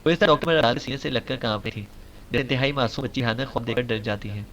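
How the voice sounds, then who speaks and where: A man narrating a novel audiobook in a steady, even storytelling manner. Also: mid-range voice, a little hiss or hum, poor audio.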